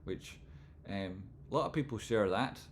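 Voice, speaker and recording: Low-voiced man with broad Scottish accent. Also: moderate pace, slight background noise. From Scotland. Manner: informal, rambling, not crisply enunciated. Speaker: livestream host and trading analyst. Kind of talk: live chart commentary and casual chat with viewers.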